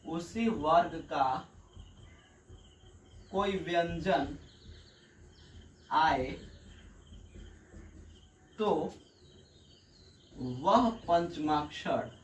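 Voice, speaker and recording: A man with a high, unhurried voice teaches a whiteboard grammar lesson, repeating each rule and asking check questions. He sounds set back from the mic in an echoey room, with birds audible outside. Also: recorded from a distance, slight background noise. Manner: repeats points and asks the students rhetorical check questions.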